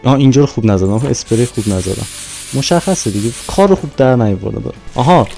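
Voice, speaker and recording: A man's voice: medium pitch, expressive, gravelly, warm tone, soft background music, low-quality recording. A young man giving casual, playful commentary while playing a car-washing game, talking to himself as he goes. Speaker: gaming YouTuber.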